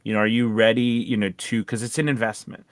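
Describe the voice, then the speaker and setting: A man who hosts a podcast and coaches voice-over talent leads a casual discussion, rambling conversationally and asking questions. His voice is lowish and flat, his pace fairly quick, and the studio recording is clean with no echo.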